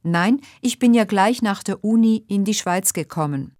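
A woman playing a nervous but polite job applicant in a scripted dialogue for language learners, speaking carefully and clearly. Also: mid-range voice, normal speed, a little mellow, no echo, studio quality, lightly acted.

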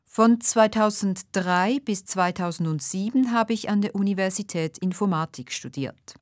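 A woman playing a nervous but polite job applicant in a scripted dialogue for language learners, speaking carefully and clearly. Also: mid-range voice, a little slow, no echo, clean studio sound, lightly acted.

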